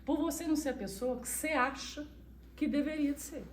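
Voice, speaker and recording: A woman talking informally to a church group, soft and even in tone. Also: sits high, fairly quick, a little hiss or hum. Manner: soft, even-toned, speaks of her monotone voice. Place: church hall. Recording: echoey room, far from the mic.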